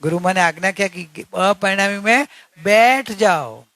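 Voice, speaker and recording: A man's voice: high-pitched, measured pace, pushed and bright, no echo. A man giving an earnest religious discourse, repeating key points and asking rhetorical questions. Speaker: spiritual teacher.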